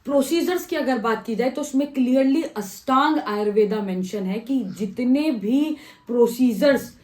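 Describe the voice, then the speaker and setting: A young woman explains medical rules in a methodical vlog, going through points one by one with frequent pauses. Her voice is mellow and warm. The sound carries a roomy echo. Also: a little high. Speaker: Ayurvedic surgeon and postgraduate scholar. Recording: echoey room.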